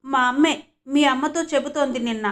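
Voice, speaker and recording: A woman's voice: high-pitched, moderate pace, natural voice. A shy, tearful little boy, as a woman reads him. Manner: sobbing, hesitant.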